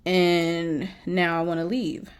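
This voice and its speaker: A woman's voice: lowish voice, level tone, slow, clear, resonant tone. A woman telling a personal faith story in a casual vlog, emotional and repeating herself as she talks to her viewers. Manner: emotional, repeats herself, often says "y'all". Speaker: faith vlogger.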